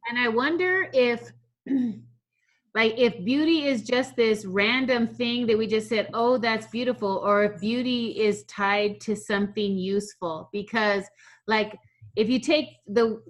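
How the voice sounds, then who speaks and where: A woman's voice: a little high, steady tone, slow. A woman on a video call, thinking her way through an idea in an easy, questioning tone. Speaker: workshop participant. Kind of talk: casual discussion.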